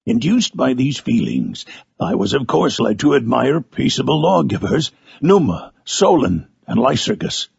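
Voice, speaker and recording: A man voicing a wretched, eloquent, brooding monster in a gothic audiobook monologue, with a raspy, gravelly voice and a grave, formal, anguished theatrical delivery. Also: medium pitch, no room sound, full character voice.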